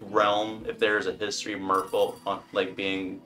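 A man playing a tabletop game, describing his character's actions deliberately. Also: fairly low pitch, flat delivery, bright, forceful tone. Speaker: player. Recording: roomy echo with faint music.

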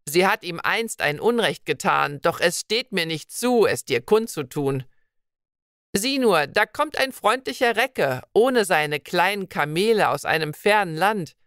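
A woman voicing a kindly, wise old woman of the forest in a storybook reading, speaking slowly and gently in old-fashioned phrases. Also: on the low side, clear, resonant tone, no room sound, clean studio sound. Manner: slow, gentle, archaic speech.

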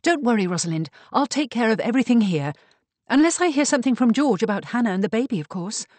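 A man's voice: extremely high pitch, lively intonation, quick pace, a little mellow, dry recording, voice pushed up. A man doing a reassuring young woman.

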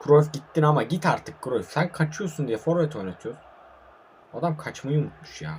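Fairly high-pitched, animated and fairly quick, a young man's voice comments live on the online football match he is playing, frustrated and swearing. He talks to himself and viewers, and there's a little hiss or hum.

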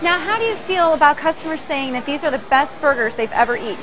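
A woman's voice: high-pitched, expressive, fast talker, a crowd in the background. A young woman hosting a local TV segment, presenting upbeat and scripted and asking interview questions in a restaurant. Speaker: TV show host. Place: restaurant dining room, indoors.

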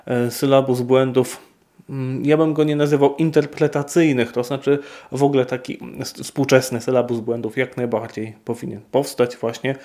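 A man, a priest, answering viewer questions in an unscripted Q&A, speaking in a measured way with frequent hesitations. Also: mid-range voice, level tone, dark tone.

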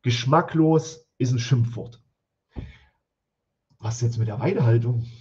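A blunt German man thinks aloud as he reviews product listings on a live stream. His voice is slightly husky and sits in a middle register. The stream audio sounds a little dull and lo-fi, as if recorded at a home desk. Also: medium pitch, a little slow, dark tone. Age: adult with school-age children. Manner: blunt, thinks aloud, mutters while counting. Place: home office.

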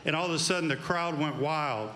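A middle-aged former coach gives an induction speech at an outdoor awards event, holding a handheld mic and spinning folksy stories that build to an emphatic tribute. His voice sits a little high and moves a little fast, with a sharp tone and an echoey room around it.

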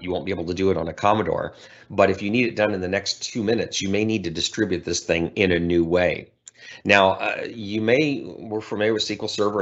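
Casting: middle-aged man, very low voice, relaxed explanatory keynote over a dull webcam mic. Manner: conversational, explanatory, with light humor. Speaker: keynote speaker. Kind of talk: conference keynote presentation.

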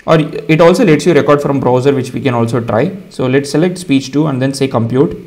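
A man's voice: medium pitch, brisk. Indian man talking through a coding tutorial. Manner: relaxed, explaining step by step with many fillers. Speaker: tutorial host. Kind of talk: casual screen-share coding tutorial.

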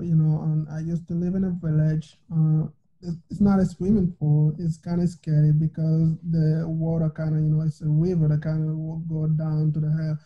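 Young man from Senegal, flat delivery. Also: on the high side. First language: French. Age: young adult. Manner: relaxed, with fillers. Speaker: former college soccer player, guest. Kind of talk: video call interview. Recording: dull lo-fi video call audio.

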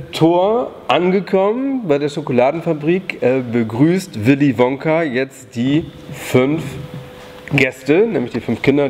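Contestant giving a halting plot summary, mid-pitched male voice, hall reverb, faint noise. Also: darkish tone. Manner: hesitant summary with fillers. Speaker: reading competition contestant. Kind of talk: introducing a book passage.

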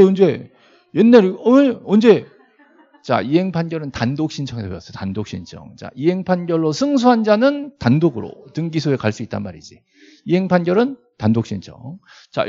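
A middle-aged male lecturer with a gravelly, mellow voice that swings up and down as he teaches law to a classroom. He keeps asking rhetorical questions and repeating key terms, with little joking asides to the students. The recording is dull and lo-fi. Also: on the high side. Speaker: law lecturer at a real estate agent exam prep academy.

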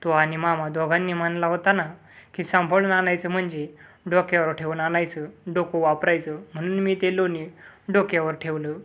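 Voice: medium pitch, level tone, moderate pace, fairly bright tone, natural voice. A storyteller voicing a simple-minded young village lad who earnestly explains his mistakes, in a near-everyday voice in a read-aloud storybook.

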